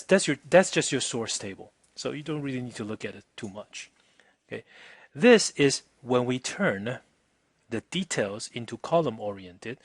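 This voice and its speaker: A husky-voiced man of medium pitch leads a casual software demo, chatting informally and often checking in with the listener. The instructor is recorded at studio quality with no echo.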